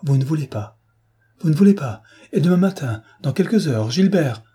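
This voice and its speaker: A man's voice: big pitch swings, unhurried, mellow, husky, exaggerated voice. Man doing a frantic pleading mother. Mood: desperate. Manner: pleading, voice raised high in anguish. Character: desperate mother, middle-aged woman, frantic.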